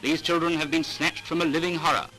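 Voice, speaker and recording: A man's voice: on the high side, flat delivery, fast, pushed and bright, low-quality recording. A man narrating an old newsreel in a dramatic, declaiming commentary style. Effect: old newsreel soundtrack with music. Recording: old newsreel sound with music behind.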